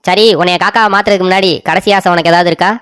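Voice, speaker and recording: A man's voice: high voice, flat delivery, rapid-fire, fairly bright tone, slight background noise. A man voicing an impatient, boastful old forest sage in a cartoon story.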